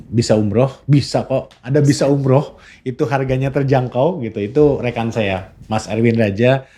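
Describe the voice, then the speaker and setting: A man's voice: medium pitch, moderate pace, dark tone. A man hosting a podcast, chatting casually, murmuring agreement and reading sponsor plugs. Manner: frequent murmured backchannel, chuckles. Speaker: podcast host.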